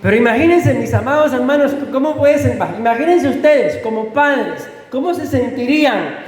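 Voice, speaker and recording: A man's voice: very high voice, expressive, normal speed. Man as pastor, fervent sermon, echoey hall with long reverb and faint ambience. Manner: fervent, addresses congregation with questions. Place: church sanctuary.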